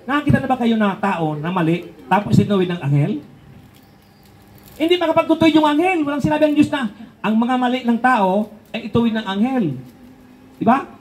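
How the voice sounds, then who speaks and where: A man's voice: very high-pitched, animated, brisk, pauses often, darkish tone, low-quality recording. An older man preaching a sermon in a conversational way, asking rhetorical questions and chuckling between points.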